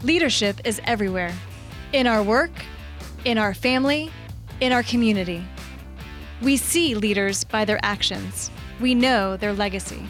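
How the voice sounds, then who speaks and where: A woman host opening a podcast with a steady, inspirational scripted welcome. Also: fairly high pitch, normal speed. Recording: music bed under the voice.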